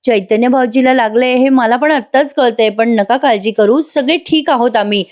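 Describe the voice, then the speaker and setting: Brief: woman voicing a calm young heroine, reassuring. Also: fairly high pitch, normal speed, natural voice. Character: composed young wife, heroine.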